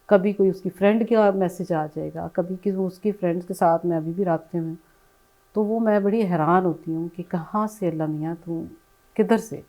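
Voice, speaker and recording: Middle-aged woman, soft-spoken, reflective interview answers, warm mellow tone, mixes in English phrases. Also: lowish voice, rough recording. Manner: soft-spoken, often dropping to a hush, mixing in English phrases. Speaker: bereaved mother, interview guest.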